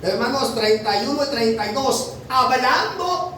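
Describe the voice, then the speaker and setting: A high-pitched man preaching a sermon from a distance, his voice ringing through a very echoey hall. He talks emphatically, throws rhetorical questions at the congregation and keeps calling them brother, with a faint hum of the room behind him. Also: lively intonation, a little slow, bright, forceful tone.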